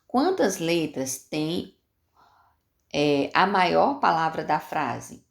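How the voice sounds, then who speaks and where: A woman's voice: low-pitched, big pitch swings, drawn-out words, creaky. A woman teacher, patiently walking young pupils through homework and answering her own questions. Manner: patient, repeats steps, asks and answers questions.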